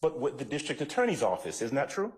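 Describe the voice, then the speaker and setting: A man questioning a witness as a defense attorney in court, putting pointed leading questions in deliberate phrases. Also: medium pitch, wildly swooping pitch, a little mellow. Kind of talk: courtroom cross-examination. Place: courtroom, indoors. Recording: echoey courtroom sound.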